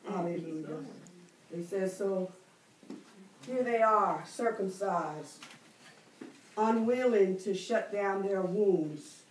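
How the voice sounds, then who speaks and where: A middle-aged woman with a mid-range voice preaches at a Bible study, stretching out key words and calling for responses from the room. She's in a church library room lined with bookshelves, caught by a distant camera with no mic, so the sound is echoey and carries a faint hiss or hum.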